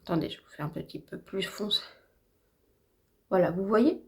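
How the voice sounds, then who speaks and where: A slightly hoarse woman with a French accent chatting casually and enthusiastically through a makeup tutorial at home, with lots of fillers. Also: medium pitch, expressive, moderate pace, background noise. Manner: chatty, enthusiastic, repeats herself with many fillers. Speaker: beauty vlogger. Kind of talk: casual get-ready-with-me makeup chat.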